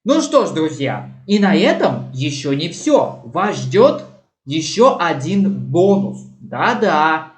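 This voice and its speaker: A man's voice: on the high side, very animated, slow. A man hosting a reaction video with casual, chatty commentary. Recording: echoey room.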